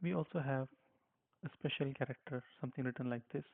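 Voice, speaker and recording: A man's voice: medium pitch, fast talker, vocal fry, husky. A man teaching a language lesson, patiently spelling out letters one at a time and saying how each one sounds. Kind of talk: slow spoken lesson with repetition. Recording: tinny phone-like sound.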